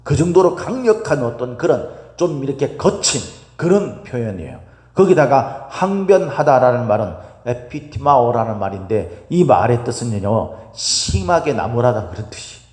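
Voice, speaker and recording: Animated male pastor in an echoey hall. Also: mid-range voice, moderate pace. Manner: animated preaching with rhetorical questions to the congregation. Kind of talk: sermon. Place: church sanctuary. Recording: echoey hall with long reverb.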